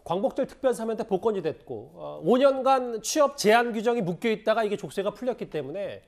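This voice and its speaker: A man's voice: high voice, lively intonation, fairly quick, a little mellow. A man anchoring a televised news talk panel, summarizing what guests say and relaying reported facts. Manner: summarizes guests' points and reports the network's findings. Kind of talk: broadcast panel moderation.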